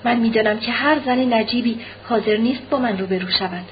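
A woman reading an audiobook, voicing an anguished, proud young noblewoman in a quiet, subdued way; slightly muffled recording with faint hiss. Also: fairly high pitch, close to an everyday voice. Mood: sorrowful.

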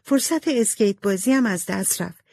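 A woman voicing a spoiled, pouty young girl in a storybook reading, with a high childish whine. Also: vocal fry, darkish tone, dry recording, clean studio sound. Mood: sulky.

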